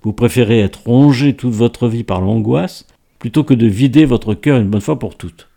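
A man reading a storybook aloud and voicing a strange, enigmatic stranger who speaks in a hushed, confiding, insistent way, with a paternal tone. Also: mid-range voice, normal speed, vocal fry. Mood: reproachful.

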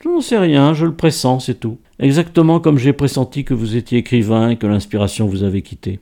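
A man reading a storybook aloud and voicing a strange, enigmatic stranger who speaks in a hushed, confiding, insistent way, with a paternal tone. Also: medium pitch, expressive, brisk, pitched above the performer's own voice, close to an everyday voice.

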